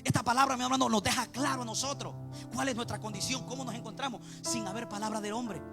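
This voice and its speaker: Male preacher, very high and fast, gravelly edge, fervent sing-song sermon delivery, faint music behind. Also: fairly even intonation. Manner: impassioned, repeats "mi amado hermano", chants some lines.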